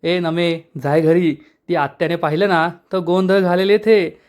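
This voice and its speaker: A man's voice: sits high, steady tone, measured pace, darkish tone, clean tone. A man voicing a casual, teasing young village man.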